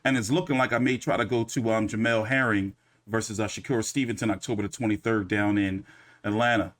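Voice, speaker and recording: A man's voice: fairly low pitch, fairly even intonation, brisk, a bit bright. Casual, rambling man recapping a fight. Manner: loose, rambling, casual cursing. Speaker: boxing commentary host.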